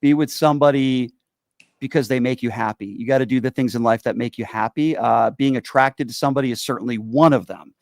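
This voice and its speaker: Rambling through his casual chat show with fillers and yep after yep, this Connecticut host in his forties speaks fairly quickly. His mid-range voice is a little mellow, captured in clean studio sound with no room noise.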